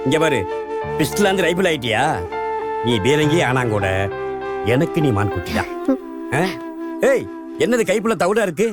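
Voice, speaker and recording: Playful teasing elder; lowish, animated. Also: female voice, moderate pace, pauses often, over loud music.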